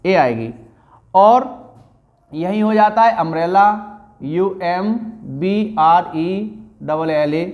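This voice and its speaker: A man's voice: high-pitched, lo-fi sound. A male teacher explaining grammar to pupils in a classroom lesson, drawing out words and repeating the answers.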